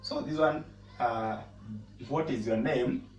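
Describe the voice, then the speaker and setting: Man, language teacher, unhurried, roomy distant sound, faint hiss. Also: mid-range voice. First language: Swahili. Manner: halting, repeats words while explaining. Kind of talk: casual spoken lesson. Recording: roomy echo, mic at a distance, faint noise.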